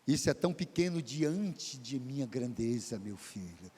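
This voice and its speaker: A man voicing God speaking to him, a slow, low, fatherly voice in a sermon. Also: big pitch swings, dark tone, breathy edge, long reverb tail. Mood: solemn, gentle. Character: solemn divine voice of God, grave and fatherly.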